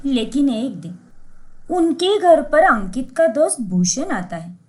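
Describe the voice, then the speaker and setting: A woman narrating a cartoon story in a scripted, expressive manner. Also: high voice, slow.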